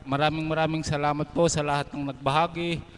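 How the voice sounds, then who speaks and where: Male service leader, slightly high, monotone, measured and formal. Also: slight background noise. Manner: measured, formal, thanks speakers and invites the congregation. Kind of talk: leading a church service. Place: church gathering.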